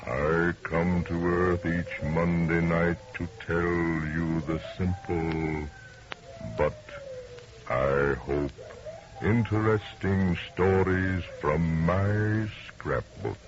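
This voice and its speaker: Deep, very slow sinister Devil. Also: male voice. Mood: commanding, menacing. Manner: slow, theatrical, deliberate. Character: the Devil, sinister sly storytelling horror host. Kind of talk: old-time radio horror narration. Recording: noisy, dull vintage radio recording.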